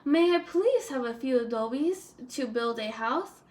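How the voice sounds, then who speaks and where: A woman's voice: high-pitched, expressive, a little slow, a little mellow. A woman voicing a plucky little javelina, a young wild pig in a storybook, polite but defiant and emphatic.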